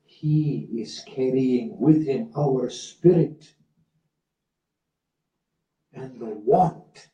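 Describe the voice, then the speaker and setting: A man preaching a sermon with a very dark, mellow voice. He speaks in a measured, emphatic way. He is recorded from a distance in an echoey hall. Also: medium pitch, muffled recording. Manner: measured, slow emphatic delivery with rising passion in quotes. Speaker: religious speaker. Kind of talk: sermon with a narrated story. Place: community centre hall. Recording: roomy hall from far off.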